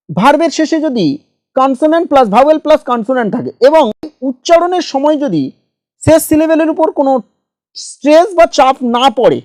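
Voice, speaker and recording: A woman teaching an English grammar lesson, explaining each rule slowly and spelling example words letter by letter. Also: high-pitched, a little mellow, no room sound, clean studio sound.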